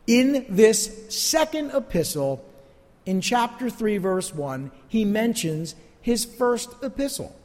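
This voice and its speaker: A male pastor with a high-pitched, slightly mellow voice teaches a sermon, earnest and emphatic as preachers are. He is not a native Spanish speaker, and he is recorded in a church sanctuary with hall reverb.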